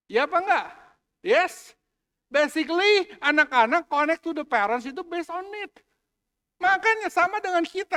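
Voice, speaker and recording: High-voiced pastor, joking sermon in reverb. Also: male voice, sharp tone. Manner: joking, mixes English phrases into his preaching. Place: church hall. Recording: long hall reverb.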